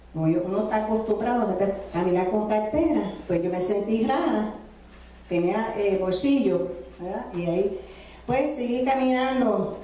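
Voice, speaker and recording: A woman's voice: medium pitch, dark tone. A woman preacher, telling a testimony in a sermon, full of fillers and tag questions. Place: church. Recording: echoey church from far off.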